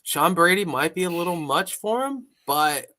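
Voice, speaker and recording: A man's voice: sits high, expressive, moderate pace, bright, forceful tone. A man co-hosting a casual podcast chat, talking bluntly and emphatically with frequent swearing. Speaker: podcast co-host.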